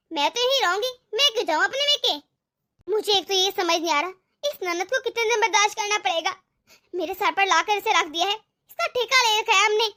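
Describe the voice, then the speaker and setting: A woman voicing a resentful, scheming young wife in an animated family story, talking in a bitter, sarcastic, complaining way. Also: very high voice, exaggerated voice. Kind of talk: animated cartoon voice acting.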